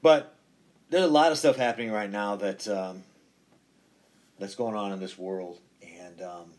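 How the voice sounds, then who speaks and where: A male pastor giving an informal devotional talk in a halting, conversational way, often repeating his phrases. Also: fairly low pitch. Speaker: pastor recording a podcast. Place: indoors, inside a metal church building.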